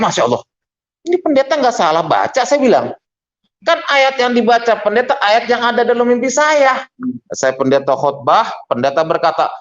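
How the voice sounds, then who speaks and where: A middle-aged man, a pastor giving a testimony sermon and acting out the dialogue in his stories. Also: high-pitched. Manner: animated storyteller acting out dialogue. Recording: dull lo-fi recording.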